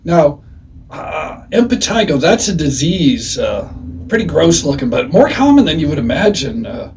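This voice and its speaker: A man's voice: on the high side, sing-song, normal speed, a little mellow, recorded from a distance, a little hiss or hum. A man in his forties giving a casual, rambling music review, full of "uh"s and "anywho"s.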